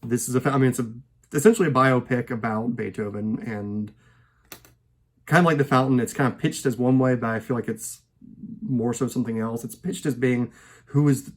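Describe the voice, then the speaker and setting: A man's voice: medium pitch, a little fast. A man at home casually talking about his favorite films, rambling and hesitant, with frequent fillers and restarts. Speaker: host.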